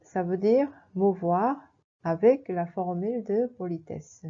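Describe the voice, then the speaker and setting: Female teacher, slow deliberate delivery, warm low-key tone, slightly dull recording. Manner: slow, careful explanation with spelled-out examples. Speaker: language teacher. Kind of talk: scripted lesson narration.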